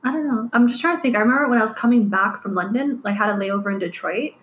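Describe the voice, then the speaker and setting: A Canadian woman in her twenties co-hosting a casual chat, quick and prompting the others to share. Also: a little high, a bit bright, echoey room, a little hiss or hum.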